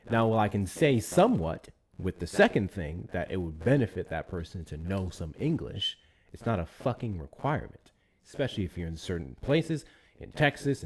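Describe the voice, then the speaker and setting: Low-pitched with a darkish tone, a man running a live stream offers loose, casual commentary to viewers. He repeats himself while talking and thanks people for their gifts.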